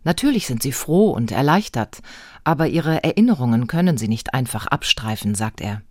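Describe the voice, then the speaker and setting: A woman's voice: very deep voice, sing-song, normal speed, a little mellow, dry recording, studio quality. Woman narrating a radio feature report.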